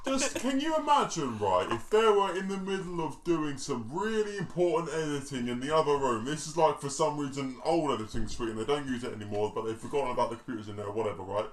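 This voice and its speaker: A man's voice: mid-range voice, expressive, fast, hardly any pauses, echoey room. A man in casual banter, sarcastic and swearing freely.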